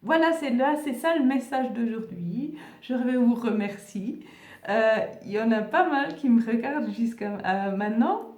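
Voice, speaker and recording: A woman with a non-native French accent, talking gently to her viewers in a vlog and often pausing to search for words. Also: fairly high pitch, expressive, echoey room, distant mic. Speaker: spiritual video host. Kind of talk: casual vlog address to viewers.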